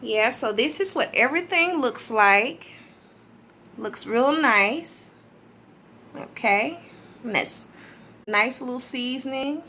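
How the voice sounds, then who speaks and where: Bright, high-voiced woman hosting a food chat. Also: expressive, slow, pauses often, slight background noise. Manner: friendly, chatty, with fillers while describing food. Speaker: mukbang vlogger host. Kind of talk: casual eating-show chat.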